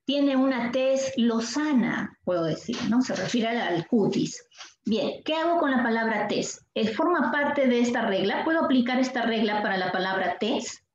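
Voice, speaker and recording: A woman teacher with a Peruvian Spanish accent leads a language lesson, quizzing the students and stretching key words out slowly. Her voice sits a little high. It is recorded in an echoey room with a dull tone and faint noise behind it. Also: expressive. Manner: questioning, repeats words slowly to drill the class.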